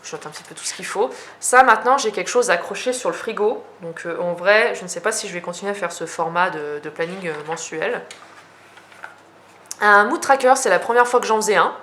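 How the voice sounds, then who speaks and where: A woman's voice: medium pitch, brisk, a bit bright. Chatty French woman vlogger. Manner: chatty, hesitant, many fillers and restarts. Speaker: journaling vlogger. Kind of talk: casual show-and-tell.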